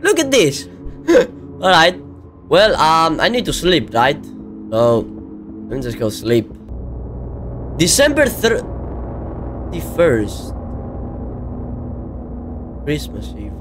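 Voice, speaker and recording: A young man giving casual, excitable let's-play commentary, often yelling at the game. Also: fairly high pitch, takes it slowly, pauses often, over music. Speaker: gaming video creator.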